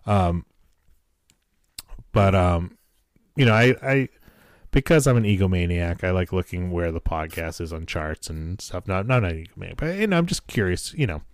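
A man's voice: deep voice, animated, moderate pace, dry recording, clean studio sound. A man hosting a podcast in casual chat, joking in a self-deprecating and sometimes profane way, recorded at home in a basement. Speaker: podcast host. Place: wood-paneled home basement.

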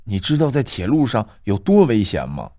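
A man's voice: wildly swooping pitch, normal speed, mellow, no room sound, studio quality, exaggerated voice. A man doing a grumbling old village granny. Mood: scolding. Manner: low, grumbling and scolding.

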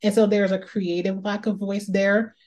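A woman from Northeast Ohio, here as an author guest, talks about her writing life in a reflective interview. Her voice is mid-range, level and a little mellow, at a moderate pace, and she often repeats words while thinking aloud.

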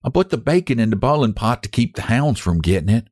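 A man voicing a shy, stubborn young mountain wife who speaks in a plain hill-country drawl, proud and quietly pleading, in a storybook reading. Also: medium pitch, big pitch swings, fast, dry recording, clean studio sound, voice pushed up.

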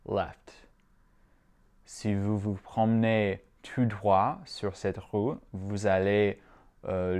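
A man with an American Midwest accent, slowly teaching an English lesson for French speakers and repeating each phrase word by word. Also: lowish voice, darkish tone. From Midwestern United States. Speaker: language teacher.

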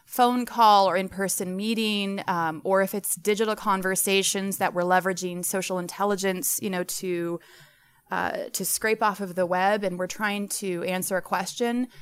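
A woman's voice: medium pitch, fairly even intonation, normal speed, clear, resonant tone. A woman guest in an interview, talking with enthusiasm in long, loose explanations with plenty of fillers. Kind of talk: podcast interview answers.

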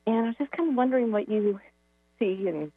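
A woman calling in to a radio show, talking casually and a little haltingly, heard through a phone speaker. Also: mid-range voice, animated, no room sound. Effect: heard over a phone speaker. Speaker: caller. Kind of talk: casual call-in chat. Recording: tinny phone line on the radio.

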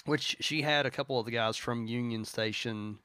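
Guy podcasting, rambly and excited, mid pitch, dry close sound. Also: moderate pace, no echo. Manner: enthusiastic, rambling with fillers. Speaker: podcast co-host. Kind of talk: casual music chat.

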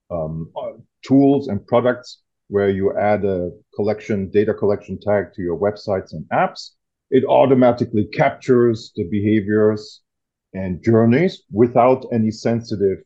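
A man's voice: lowish voice, dark tone, husky. A man explaining things with enthusiasm as a guest author in an interview. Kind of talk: casual interview talk. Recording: dull lo-fi audio.

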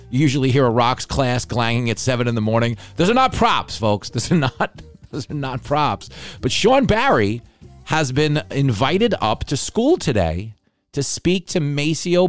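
A middle-aged man hosting a podcast, delivering a casual comedic monologue as an animated, sardonic rant. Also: mid-range voice. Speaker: podcast host.

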